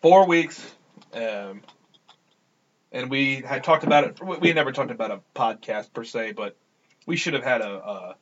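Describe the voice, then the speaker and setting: A man's voice: medium pitch, lively intonation, moderate pace, noisy background. Male podcast co-host on lo-fi recording. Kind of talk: casual bantering podcast chat. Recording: dull, tinny lo-fi podcast recording.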